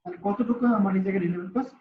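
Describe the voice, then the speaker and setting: Male teacher, brisk question-and-answer style, roomy online-call sound. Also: sits high. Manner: quizzes students, answers own questions. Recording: roomy, slightly dull call audio with faint ambience.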